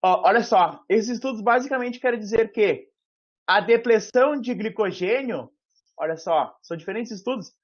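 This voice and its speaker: A man gives an informal online university lecture over a video call, explaining things aloud with frequent fillers. His voice is high-pitched with lively intonation at a normal speed. He uses a headset, and the video-call audio sounds muffled.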